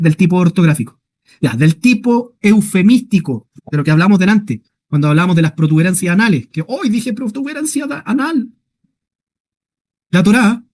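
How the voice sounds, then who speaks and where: A man gives an online class lecture as a Hebrew teacher. His voice sits a little high, and he checks in often with his listeners. He slows down to read words out syllable by syllable. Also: a little mellow. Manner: explains slowly, asks "¿ya?" and "¿cierto?" often.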